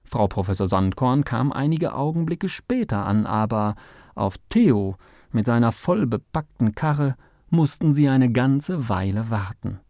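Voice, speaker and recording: Slow gravelly male storyteller. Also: mid-range voice, expressive, mellow, dry recording, studio quality. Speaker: narrator. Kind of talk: children's audiobook narration.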